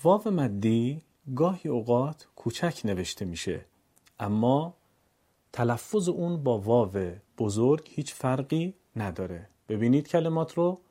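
Calm man teaching Quran reading. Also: mid-range voice. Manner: calm explaining, then stretching vowels slowly and louder for examples. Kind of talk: instructional lesson with slow drawn-out recitation examples.

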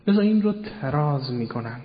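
A man's voice: medium pitch, lively intonation. A man giving a religious lecture, explaining word meanings patiently and addressing his listeners politely, often repeating key terms. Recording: dull sound with long hall reverb.

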